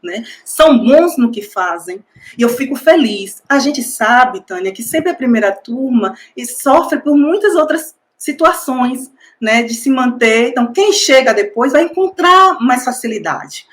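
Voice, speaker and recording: Woman, higher voice, gushing heartfelt thanks, emotional. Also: animated, unhurried. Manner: effusive, emotional, repeats the listener's name. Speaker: master's student and school coordinator. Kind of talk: heartfelt tribute speech.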